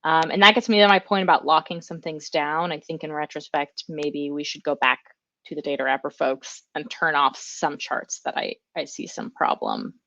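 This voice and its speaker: Low-voiced woman chatting through a talk on a video call, dry and a bit muffled. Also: fairly even intonation, normal speed, creaky, a bit bright, no echo. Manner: chatty, enthusiastic, many fillers. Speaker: conference speaker. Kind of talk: casual conference talk with Q&A.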